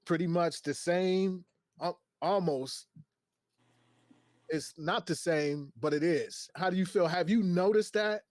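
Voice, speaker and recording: A man's voice: sits high, slow, darkish tone, no echo. A man hosting a casual podcast chat, thinking aloud and putting questions to his co-hosts. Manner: conversational, thinks aloud with restarts. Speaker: podcast host.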